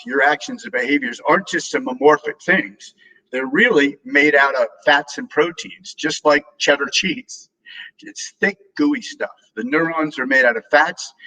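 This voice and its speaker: A man's voice: mid-range voice, sharp tone, poor audio. A man in his seventies from New Orleans giving an earnest inspirational talk on a live video call, repeating himself and leaning on homely metaphors. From New Orleans, USA. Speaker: guest speaker.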